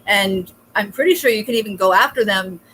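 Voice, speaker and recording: A woman hosts a casual interview over a video call, talking in a chatty, encouraging way full of fillers. Her voice sits at an ordinary middle pitch. A faint background hum runs under it. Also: fairly quick, bright, forceful tone, poor audio. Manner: chatty and supportive, many fillers. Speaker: host.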